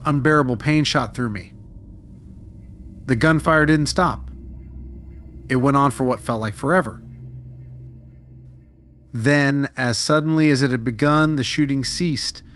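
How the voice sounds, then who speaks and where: A man giving a steady, dramatic scripted narration of a true-style horror story. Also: mid-range voice.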